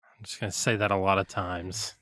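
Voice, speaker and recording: A man's voice: deep voice, no echo. A man co-hosting a podcast, joking around and laughing through a party game. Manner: animated, joking, slow-paced with bursts of laughter. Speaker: podcast co-host. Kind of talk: casual podcast banter.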